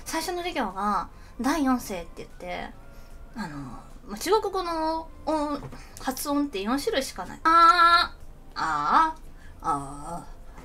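A woman in her twenties, a streamer telling a story in casual chat, animated and often laughing. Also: fairly high pitch.

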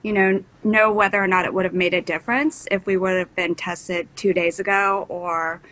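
A middle-aged woman speaking on a video call from a cruise ship cabin, calm and hesitant, with many fillers. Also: fairly low pitch, moderate pace, rough recording.

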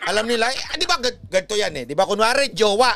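A man's voice: high voice, very animated, quick pace, background noise. A man giving casual comic commentary on clips, joking and chatting with his viewers.

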